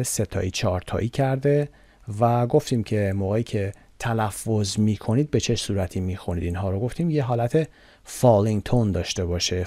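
A man teaching English to learners, explaining slowly and clearly and drawing out each English word so it can be repeated. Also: lowish voice, dark tone, dry recording. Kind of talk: recorded online lesson.

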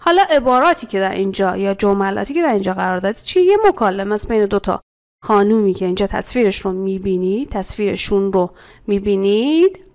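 A woman teaching an English lesson as a voice-over. She explains the textbook with animated energy, slows down to model short phrases and repeats them for her students. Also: medium pitch.

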